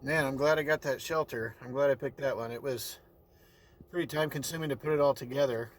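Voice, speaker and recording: Outdoors on his snowy sheep ranch and in a car, a man films a casual vlog, talking easygoingly through a face mask that muffles him. His mid-range voice is brisk, with slight background noise.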